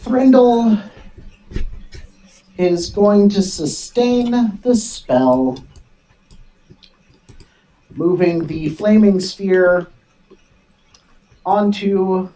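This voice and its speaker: A game master with a mid-range voice runs a tabletop role-playing game. The delivery is casual and animated, with pitch that moves around a great deal from phrase to phrase. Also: drawn-out words, long pauses, low-quality recording.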